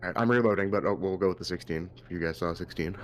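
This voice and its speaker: A man's voice: deep voice, fast talker, a little hiss or hum. A man in casual chat as a player in a tabletop game, rambling through his plans and laughing often.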